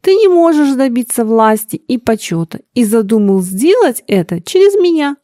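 A woman's voice: fairly high pitch, sing-song, moderate pace, warm tone, no room sound, clean studio sound, voice pushed up. A woman reading aloud, voicing a young son who speaks coolly and with clipped irritation. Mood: cold.

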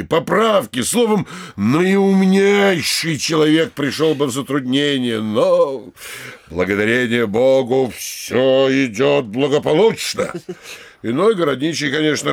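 An actor playing a sanctimonious, obsequious middle-aged mayor in a comic audio play, hesitant and unctuous. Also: male voice, a little high, vocal fry, breathy edge, full character voice.

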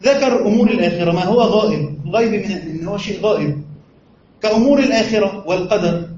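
A high-voiced man with an Egyptian Arabic accent gives a religious lesson. He works through each point patiently and keeps asking his students questions. The recording is echoey and muffled, with a faint hiss behind him. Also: quick pace, darkish tone. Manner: explains step by step, asking the class rhetorical questions. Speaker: sheikh teaching Quran commentary.

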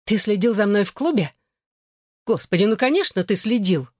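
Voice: medium pitch, expressive, moderate pace, darkish tone, dry recording, studio quality, pitched above the performer's own voice, natural voice. A reader voicing an angry young woman arguing with her ex-husband in an audiobook. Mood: indignant. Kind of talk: audiobook character voice.

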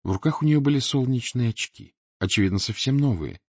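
A man reading an audiobook aloud in an expressive, dramatic narration style. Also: medium pitch, a little fast, no room sound. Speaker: audiobook reader. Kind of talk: scripted narration. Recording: dull dry lo-fi recording.

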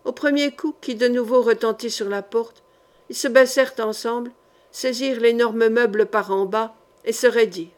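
A woman narrating a historical novel audiobook in a measured, dramatic reading. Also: on the high side, fairly even intonation.

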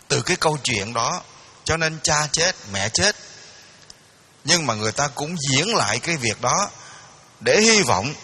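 A man's voice: mid-range voice, bright, forceful tone, slight background noise. A man with a Southern Vietnamese accent giving a dharma talk, telling an old folk tale in a folksy, repetitive way with many restarts. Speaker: dharma teacher. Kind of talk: storytelling sermon.

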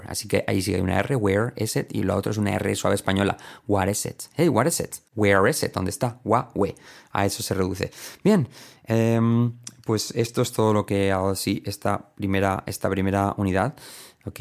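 A man's voice: lowish voice, moderate pace, vocal fry. A man from Spain with a Spanish accent, teaching English in a recorded lesson and drilling example phrases over and over. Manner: lively, repeats example phrases, sings snippets.

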